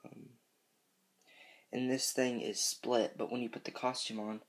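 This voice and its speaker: A man's voice: mid-range voice, little pitch movement, unhurried, gravelly. A fifteen-year-old boy giving a casual, unscripted review in a hesitant, rambling way, often correcting himself. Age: teenager, fifteen. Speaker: reviewer of horror movie masks.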